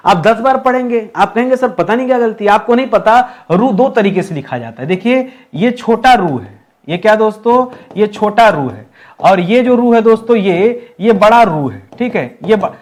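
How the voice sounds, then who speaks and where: A male Hindi teacher giving an online exam-prep lesson, lively, often repeating key words slowly and addressing students as friends. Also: sits high.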